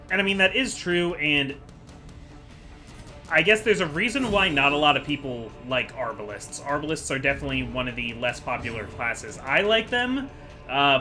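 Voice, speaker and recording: Hosting a gaming video, a man with a fairly high, sharp-toned voice gives casual, rambling commentary. He's chatty and digressive, thinking out loud as he goes.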